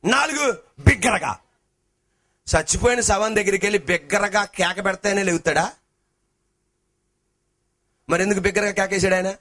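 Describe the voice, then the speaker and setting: Preaching at a normal speed with long pauses, a male pastor alternates between sing-song shouting and quieter talk, prompting the congregation to call back.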